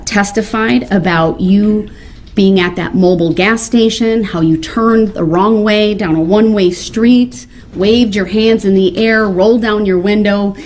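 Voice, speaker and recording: A woman speaking as a prosecutor, questioning a defendant in court in a measured, deliberate way. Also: medium pitch, a little mellow.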